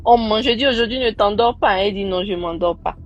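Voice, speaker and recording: A woman's voice: mid-range voice, quick pace, highs cut off. A young woman casually recounting a personal story, acting out the people she quotes. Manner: animated, acting out quoted voices.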